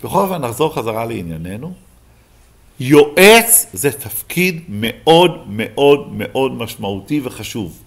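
A man's voice: medium pitch, sing-song, a bit bright. A rabbi giving a Bible lesson to a live class, who keeps asking his listeners questions and then answering them himself.

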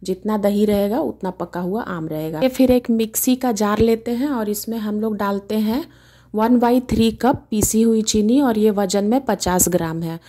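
In her home kitchen, a woman runs her own cooking channel and chats her way through a recipe one step at a time. Her voice sits at a medium pitch with a dark tone, moving at a normal speed, and her explaining is homely and talkative.

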